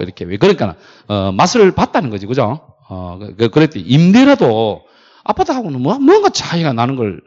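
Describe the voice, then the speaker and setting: A middle-aged man lecturing on factory brokerage, telling stories and acting out quoted lines. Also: mid-range voice. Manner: animated storytelling, acts out quoted dialogue. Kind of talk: classroom lecture with anecdotes. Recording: dull lo-fi lecture recording.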